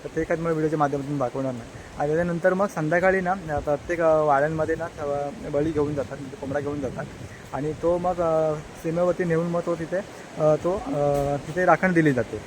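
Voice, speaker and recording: A man with a Konkan Marathi accent chats to his viewers, hesitant and full of fillers, his voice a touch high for a man. He films on a handheld phone at his village home. A faint hiss of outdoor noise sits under his voice. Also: rough recording. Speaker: village vlogger. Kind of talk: casual vlog narration.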